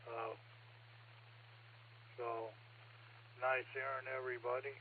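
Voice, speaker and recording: A man's voice: mid-range voice, level tone, takes it slowly. A man who is unwell with a cough, giving a folksy, casual check-in on an amateur radio net. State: sick with a cough. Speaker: ham radio net participant. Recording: phone-like radio signal with faint hum.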